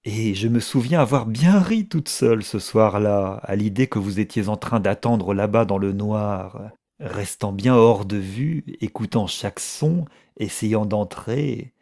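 A man voicing a bitter, jealous middle-aged woman in an audiobook reading, with a sharp, mocking manner that flares into outbursts. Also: lowish voice, a little slow.

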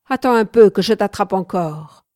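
A woman reading aloud and voicing a domineering, cynical nobleman with loud, commanding outbursts. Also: mid-range voice, a little slow, no echo, studio quality, lightly acted. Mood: furious. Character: domineering middle-aged nobleman, harsh and cynical.

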